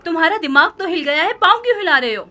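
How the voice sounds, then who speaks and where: A woman's voice: very high voice, expressive, racing, pushed and bright, a little hiss or hum, heavily acted. An actress dubbing a proud noble wife and mother in a historical drama, reproachful toward her husband. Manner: reproachful and pleading.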